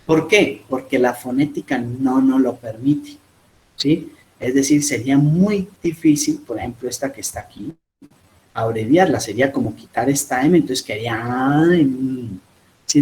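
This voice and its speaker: Man, English teacher, patient explanations, mid-pitched voice, faint background noise. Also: a little mellow, rough recording. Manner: patient, explanatory, checks in with students. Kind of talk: remote class lesson.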